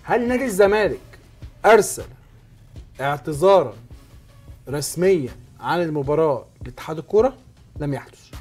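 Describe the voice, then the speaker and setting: A man's voice: a little high, animated, moderate pace, pauses often, a little mellow, husky, soft background music. A man with an Egyptian Arabic accent hosting a sports talk show, explaining points emphatically, step by step.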